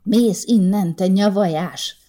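A cantankerous old neighbour, put on by a woman reading a storybook, barking out scornful complaints in a raised, louder voice. He is sour and hunched, and his tone stays dark and mellow. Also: medium pitch, close to an everyday voice. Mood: irritated. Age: over 70. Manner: snapping, scornful outbursts. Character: grumpy old man, bitter hunched neighbour. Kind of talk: audiobook character voice.

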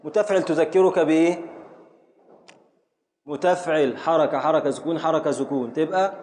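Middle-aged Egyptian man, slightly high voice, drills poetic metre in a classroom, slow and questioning. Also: a little mellow, slight background noise. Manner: slowly drawing out words to scan metre, quizzing students. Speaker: teacher of Arabic prosody. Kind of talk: classroom lesson.

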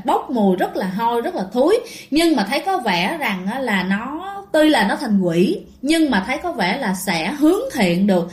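A woman voicing a stern male exorcist who gives threatening commands. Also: on the high side. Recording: echoey room.

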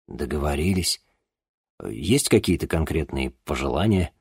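A man voicing a proud teenage boy in an audiobook, speaking in a low, quiet tone. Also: expressive, measured pace, slightly rough, no room sound, clean studio sound, exaggerated voice. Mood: subdued. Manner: indignant, then subdued. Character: teenage boy, proud, quick to take offense. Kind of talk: audiobook character voice.

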